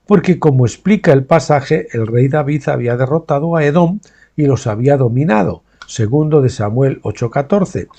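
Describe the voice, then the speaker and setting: A Bible teacher with a fairly high, warm voice reads a Bible study aloud, the audio sounding dull. He breaks off for his own asides and questioning tags to check that listeners follow, pausing to explain names and terms in his own words.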